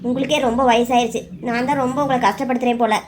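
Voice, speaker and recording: A woman's voice: on the high side, fairly even intonation, very fast, a crowd in the background, lightly acted. A woman voicing a worried middle-aged mother in a cartoon serial, speaking in a soothing, tearful way. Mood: tender.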